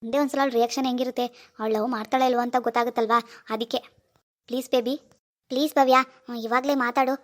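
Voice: mid-range voice, fairly even intonation, fast, a bit bright, lightly acted. A voice actor playing Sanju, a young cartoon boyfriend who keeps begging and wheedling. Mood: pleading. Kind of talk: cartoon voice acting.

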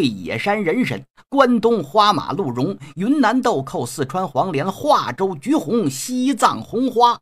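A man's voice: high voice, a bit bright, slightly rough, exaggerated voice. A man doing a stammering, fawning doctor. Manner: nervous, stammering, obsequious. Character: timid, fawning male apothecary doctor.

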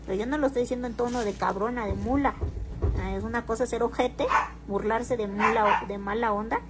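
A woman's voice: a little high, steady tone, a little fast, noisy background. Teasing woman, crude slang. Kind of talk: casual livestream talk.

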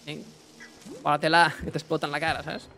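Excitable young gamer, bright voice. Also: male voice, a little high, a little fast. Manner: excitable, talks to himself and chat, bursts of yelps. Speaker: gaming streamer. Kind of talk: casual let's-play commentary.

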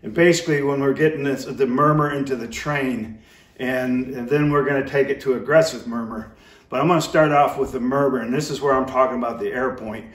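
A middle-aged man gives a hands-on lesson in a casual, rambling, folksy way. His voice sits at an ordinary male pitch. The sound is echoey and set back from the microphone, as in a hard-walled indoor room. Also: steady tone, brisk. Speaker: goose calling instructor. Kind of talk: casual instructional demonstration. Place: indoor room with brick fireplace. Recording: roomy, echoey, distant microphone.

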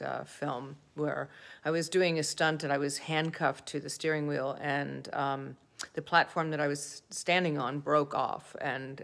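A woman's voice: sits low, fairly bright tone. A middle-aged woman actor telling casual, self-deprecating stories about her career, laughing as she goes. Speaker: actor answering fan questions. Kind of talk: casual anecdotal storytelling.

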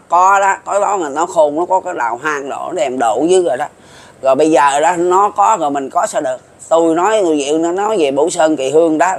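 There's slight background noise as an elderly man, in his seventies, talks to viewers in a fairly high voice. A folk prophecy commentator with a Southern Vietnamese accent, he delivers a casual, meandering, homespun monologue full of repetition.

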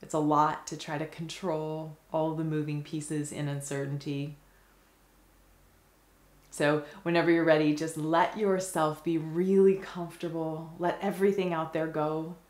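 Soothing phrases, each followed by a long pause, come from a low-pitched woman leading a guided meditation. She stays very even and gentle throughout, while the sound is spacious with marked reverberation.

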